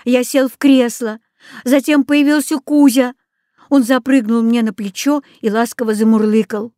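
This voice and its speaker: A woman narrates a children's storybook with expressive reading. Her voice sits fairly high for a woman, and the sound is dry and close, with no room around it. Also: moderate pace, no room sound. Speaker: audiobook reader.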